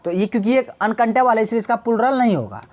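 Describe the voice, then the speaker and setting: A woman's voice: on the high side, very animated, fast talker, darkish tone. A woman teaching an exam-prep English lesson, explaining patiently, repeating key words and answering her own questions.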